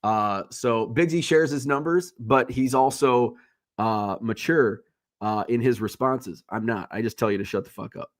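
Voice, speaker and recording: A congested man with a medium-pitched voice hosts a livestream at an unhurried pace. In this casual solo chat he rambles bluntly and swears freely.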